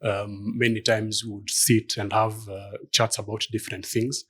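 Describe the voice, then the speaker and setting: A middle-aged man from Kenya speaks in a somewhat low, husky voice. He answers interview questions thoughtfully, pausing often with fillers and small hesitations. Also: level tone, fairly bright tone. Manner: thoughtful, hesitant with many fillers, light laughs. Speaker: law firm partner, guest. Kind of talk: conversational interview.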